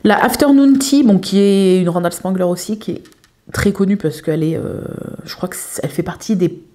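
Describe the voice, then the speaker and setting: A young woman chatting casually as a craft vlogger, showing her collection with many filler pauses. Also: mid-range voice, dark tone. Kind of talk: casual show-and-tell chat.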